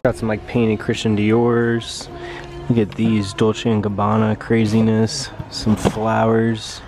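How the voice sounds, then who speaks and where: A young man vlogging as he walks through mall stores with a handheld camera, talking in an excited, hyped sneakerhead way. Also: lowish voice, slow pace, over music. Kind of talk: casual shopping vlog. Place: large indoor retail stores at a mall.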